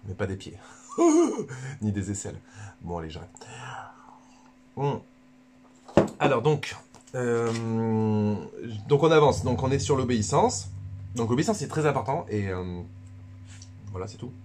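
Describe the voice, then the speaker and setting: A man, a friar, giving a casual livestreamed spiritual talk, joking and animated, colloquial, stumbling over words. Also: mid-range voice, a little slow, long pauses, a little hiss or hum. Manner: joking, animated, bursts of laughter between points.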